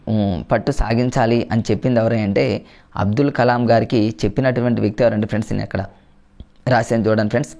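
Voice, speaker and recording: Fast-talking man teaching exam tricks. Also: mid-range voice, creaky, darkish tone. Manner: chatty, keeps addressing viewers as friends. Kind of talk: exam-prep lesson with memory tricks.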